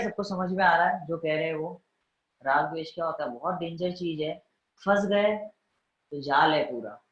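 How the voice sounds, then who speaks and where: A man giving a Jain religious discourse in a conversational way, often asking his listeners whether they follow. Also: a little high. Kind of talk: Hindi religious discourse mixed with English words. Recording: roomy, dull recording.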